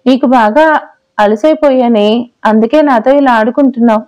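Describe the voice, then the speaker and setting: A woman's voice: on the high side, moderate pace, darkish tone, highs cut off, lightly acted. A woman voicing a playful, teasing young wife in an audio story. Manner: teasing, pouty. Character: playful pregnant young wife, mock-sulky.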